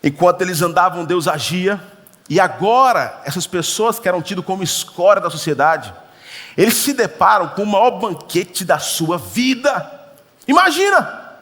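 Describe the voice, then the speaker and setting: A man's voice: high voice, expressive, moderate pace, a bit bright. A male pastor preaching a sermon, telling a story with acted-out dialogue and humorous asides. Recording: church hall reverb.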